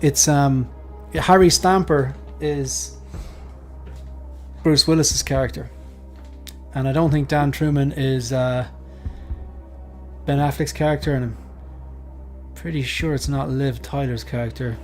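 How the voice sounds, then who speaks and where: A man taking part in a quiz, chatting casually and reasoning out loud in a rambling way. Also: medium pitch, fairly even intonation, a little slow, long pauses. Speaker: quiz contestant. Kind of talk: casual chat, thinking out loud. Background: faint music.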